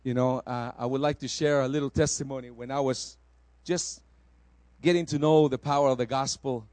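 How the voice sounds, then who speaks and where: A man from El Salvador preaching a sermon, rising to loud exclamations and dropping soft for personal testimony. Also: mid-range voice, fairly even intonation, normal speed, no echo.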